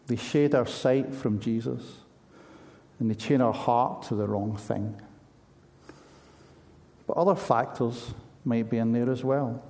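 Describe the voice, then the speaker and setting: A man's voice: medium pitch, takes it slowly, pauses often, mellow. A man preaching a sermon in an earnest, conversational way, asking his listeners pointed questions.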